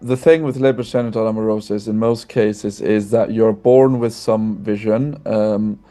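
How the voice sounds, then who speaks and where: A young man from Iceland talks openly as a podcast guest over a video call. His voice sits low and sounds dark and mellow, and he often restarts his phrases in a friendly, easygoing way. Faint music plays softly in the background. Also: steady tone, normal speed. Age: 20s. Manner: friendly, open, with frequent restarts. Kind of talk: casual conversational interview.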